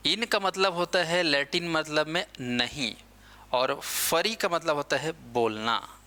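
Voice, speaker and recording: Man, teacher, classroom lecture, bright tone, slightly high pitch, asks and answers his own questions. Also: slow pace. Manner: asks questions and answers them himself, repeats key points; mixes English words into his speech.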